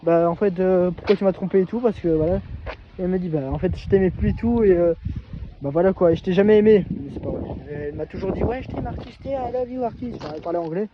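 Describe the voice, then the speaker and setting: A man casually telling a personal story to camera, halting and restarting often. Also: sits high, slight background noise. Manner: hesitant, halting, many restarts. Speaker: vlogger. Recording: dull lo-fi recording.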